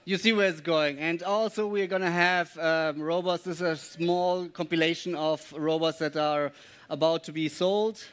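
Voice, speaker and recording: Smooth-voiced, hesitant male presenter. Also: a little high, moderate pace. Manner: relaxed, hesitant, lots of filler words. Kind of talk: lecture presentation.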